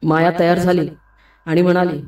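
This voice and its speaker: A woman's voice: lowish voice, flat delivery, normal speed, darkish tone. Woman narrating a horror story, echoey room. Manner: reads all characters' dialogue in the same narrating voice. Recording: echoey, distant from the mic.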